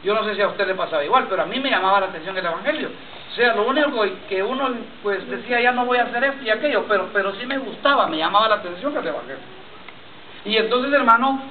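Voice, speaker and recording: A man's voice: high-pitched, reverberant. A man preaching a sermon with a personal testimony, repeating himself and often addressing listeners as brother. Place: church congregation. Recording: tinny lo-fi church recording from far off. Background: congregation responses.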